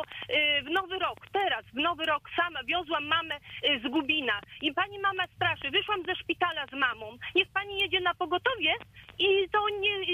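Very high-voiced agitated woman radio caller. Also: pushed and bright, no room sound. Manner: agitated and insistent, repeating herself. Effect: phone call into a radio show.

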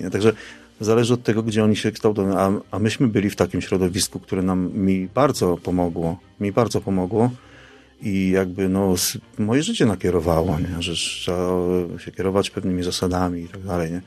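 A middle-aged man being interviewed, reminiscing informally in a halting, emphatic way with frequent tag questions. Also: deep voice, fairly even intonation, darkish tone. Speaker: interview guest recalling his youth.

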